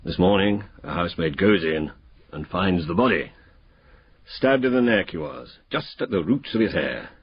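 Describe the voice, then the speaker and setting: A cocksure English police inspector talks bluntly and colloquially in a very rough, husky, lowish voice. The delivery is jocular and plain-spoken, in a muffled radio drama recording. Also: male voice, expressive, no echo. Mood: brisk, matter-of-fact. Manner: blunt, colloquial, briskly matter-of-fact.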